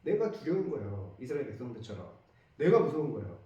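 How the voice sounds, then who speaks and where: Animated male pastor preaching in a church hall. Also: medium pitch, fast talker, muffled recording. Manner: rhetorical questions, emphatic preaching. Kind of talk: sermon. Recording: echoey church hall from a distance.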